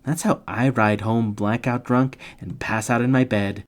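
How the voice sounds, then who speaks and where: Reading scripted narration a little slowly, this man has a medium-pitched, steady voice. He narrates literature summary videos with a playful, tongue-in-cheek touch, tossing slangy jokes into the script.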